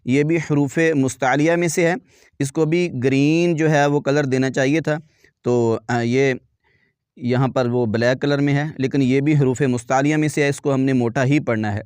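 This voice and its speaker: A man with a Pakistani Urdu accent teaching Quran reading to beginners, drilling letter sounds slowly and adding quick explanations. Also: medium pitch, fairly even intonation, a little mellow, clear, resonant tone, no room sound. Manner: slow drawn-out syllable drills, brisk asides explaining pronunciation. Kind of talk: slow recitation lesson with explanations.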